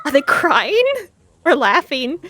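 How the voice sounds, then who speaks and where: A woman whose voice sits a little on the high side. She talks in a blunt, wry way and drifts into rambling now and then. She chats in character during a roleplay. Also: sing-song, slow, bright, forceful tone. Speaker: roleplay player.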